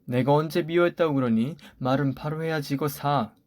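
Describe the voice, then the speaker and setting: A man's voice: a little high, brisk, darkish tone, no echo, natural voice. A man voicing a scheming older mother-in-law who scolds her daughter-in-law with cutting remarks, in a story radio drama. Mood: scornful.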